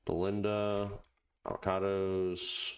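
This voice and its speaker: A man giving casual let's play commentary, muttering halting asides to himself and reading on-screen text aloud. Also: sits low, little pitch movement, smooth. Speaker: gaming video host.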